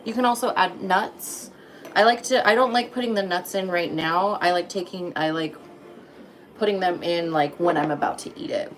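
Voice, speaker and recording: A woman's voice: fairly low pitch, moderate pace, slight background noise. A woman in her thirties chatting casually on a livestream from her home kitchen, greeting viewers by name. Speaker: livestream host. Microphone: phone.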